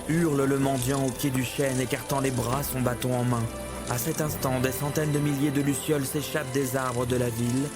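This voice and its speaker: A man giving scripted storybook narration, measured and dramatic, with music behind. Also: medium pitch.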